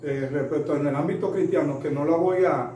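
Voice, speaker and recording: A Dominican preacher in his thirties tells stories in interview answers, earnest and rambling, full of fillers and addressing the listener as usted. His somewhat high voice is brisk and mellow. The mic is distant in a roomy, echoing space, with faint hiss in the background.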